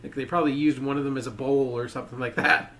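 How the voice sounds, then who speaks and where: A man's voice: medium pitch, steady tone, fast, fairly bright tone, a little hiss or hum. A man giving a casual toy review, rambling and leaning on filler words.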